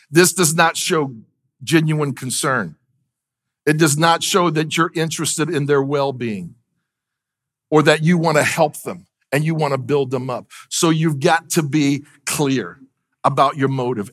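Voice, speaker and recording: Higher-voiced man preaching a sermon. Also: fairly bright tone. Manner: conversational, asks the congregation questions. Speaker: pastor. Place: church.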